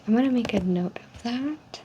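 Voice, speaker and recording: A woman speaking softly in an ASMR role-play, reading survey statements in a polite, measured customer service manner. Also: fairly high pitch. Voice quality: soft, hushed. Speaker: ASMR role-player as call center agent giving a personality survey. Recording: dull lo-fi sound with faint noise.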